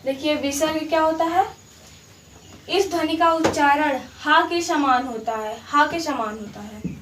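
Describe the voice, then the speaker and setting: Speaking a little slowly in a high voice with a fairly bright tone, a woman patiently explains a grammar lesson. She repeats each example and checks that her students are following, captured by a distant mic in a roomy space with faint background noise.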